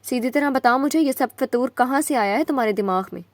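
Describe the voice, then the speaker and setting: A woman's voice: high voice, no echo, natural voice. A woman voicing a possessive young husband who pleads urgently and then grows angry. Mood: urgent pleading.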